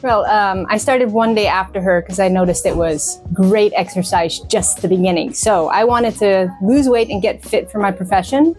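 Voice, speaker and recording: A woman's voice: medium pitch, normal speed, hardly any pauses, a little mellow, faint music behind. A woman in her forties from Canada, answering interview questions in an open, talkative way. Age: 40s. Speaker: interview guest.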